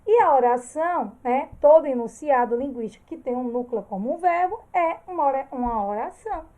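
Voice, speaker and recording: A woman's voice: high-pitched, lively intonation, brisk, mellow, highs cut off. A woman teaching a grammar lesson, explaining step by step and often checking that her students follow.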